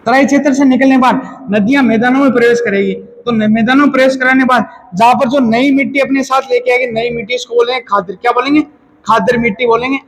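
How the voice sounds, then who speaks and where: Guy with a really high voice teaching exam geography, keeps asking the key word back like a quiz, corrects himself a lot. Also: steady tone, quick pace, creaky, rough recording. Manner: repeats key terms as quiz questions, self-corrects; casual explaining tone. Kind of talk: exam-prep geography lecture.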